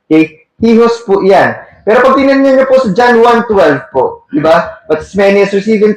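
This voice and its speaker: High-voiced preacher in an echoey room. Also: male voice. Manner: asks the audience questions, switches between Tagalog and English terms. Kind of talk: sermon with Bible reading.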